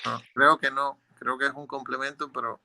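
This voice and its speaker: A man's voice: medium pitch, level tone, moderate pace, creaky, a crowd in the background. A man working as an immigration lawyer, answering legal questions in a methodical, explanatory way, often repeating words as he searches for the next one.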